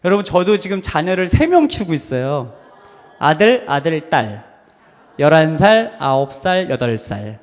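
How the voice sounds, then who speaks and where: Man, pastor, thirties, high voice, sermon, warm storytelling, loud bursts, long church reverb. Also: very animated, a little slow. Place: church sanctuary.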